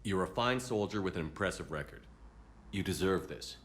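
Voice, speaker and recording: An actor playing a steady, supportive and grave military commander in a video game. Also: male voice, deep voice, normal speed, slight background noise. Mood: steady, warm. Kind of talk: video game dialogue acting.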